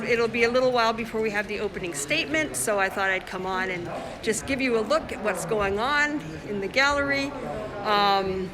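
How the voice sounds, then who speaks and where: This Congolese artist chats casually while livestreaming on her phone, walking a crowded indoor gallery opening and showing her exhibited work, with the crowd audible through the phone mic. Her voice is medium-pitched, and the recording is low quality.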